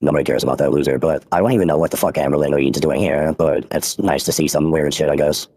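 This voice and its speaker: A man calling in through a deep pitch-shifting voice changer, talking in a dismissive, mocking way. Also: steady tone, fast talker, warm tone, husky. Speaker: caller on a livestream. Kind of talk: call-in banter.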